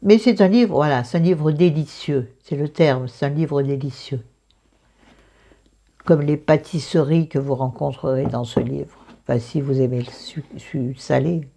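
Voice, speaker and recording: A woman with a croaky morning voice and vocal fry, chatting casually through a book review in a self-mocking, digressive way, thinking aloud. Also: deep voice, measured pace, mellow.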